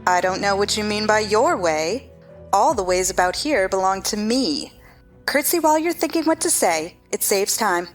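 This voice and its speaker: A woman's voice: mid-range voice, animated, moderate pace, soft background music, natural voice. Woman playing the haughty, swooping Red Queen. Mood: haughty, scolding. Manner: imperious, clipped commands, scolding. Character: haughty, bossy Red Queen, imperious chess-piece monarch. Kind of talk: theatrical dramatized reading.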